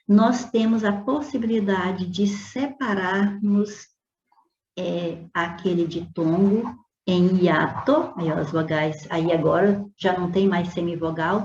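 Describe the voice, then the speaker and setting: A woman Portuguese teacher going over exam questions, stretching out example words slowly and checking in with her students as she explains. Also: medium pitch, darkish tone. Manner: checks in with "né?" and "tá vendo?". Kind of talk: exam review lesson. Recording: roomy, dull lo-fi with faint noise.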